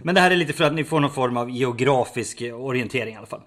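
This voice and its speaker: A man's voice: mid-range voice, a bit bright. A man from co-hosting a podcast, presenting a prepared segment with dry, wry jokes. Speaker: podcast co-host. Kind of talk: casual chat, prepared segment.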